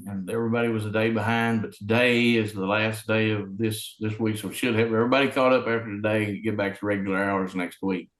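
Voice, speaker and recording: A man calls in over a conference line that keeps breaking up. His voice sits a little low, and the room around him rings with a roomy echo. He talks haltingly, leaning on fillers and restarting his sentences. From Arkansas. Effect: remote conference call audio that breaks up. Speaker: city public works official. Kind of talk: interview over a video call. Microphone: video call.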